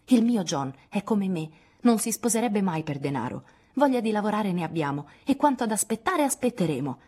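A woman's voice: mid-range voice, big pitch swings, a little fast, darkish tone, slightly rough, pitched above the performer's own voice. A woman voicing a proud, resolute young woman, speaking firmly and with indignation in an audiobook. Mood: indignant. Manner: indignant, firm, spirited. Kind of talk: audiobook dialogue reading.

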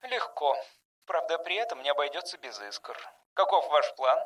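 A man doing a hushed, wary woman engineer. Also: on the high side, lively intonation, normal speed, recorded from a distance, voice pushed up. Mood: cautious. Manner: hushed, murmured. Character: cautious skeptical woman engineer, quiet.

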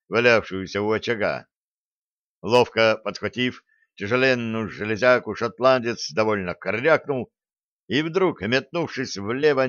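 A man's voice: fairly low pitch, a bit bright, dry recording. A man narrating a first-person adventure audiobook in a dramatic, vivid storytelling manner. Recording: dull lo-fi dry audio.

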